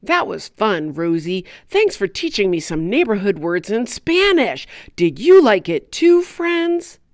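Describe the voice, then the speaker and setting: A woman voicing a curious, excitable child in a scripted children's lesson cartoon, asking questions with wide-eyed eagerness. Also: medium pitch, unhurried, no echo. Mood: eager.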